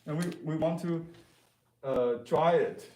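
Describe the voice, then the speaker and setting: Slow, halting man teaching painting, roomy echo. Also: fairly high pitch, dark tone, recorded from a distance. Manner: halting, hesitant, searching for words. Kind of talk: informal live painting lesson. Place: classroom, indoors.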